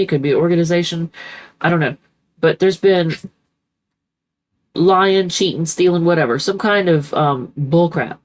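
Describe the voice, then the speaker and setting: Reading tarot cards casually, a woman with a somewhat low, darkish voice and cold-induced congestion rambles in a chatty way. She often corrects herself and fills gaps with ums.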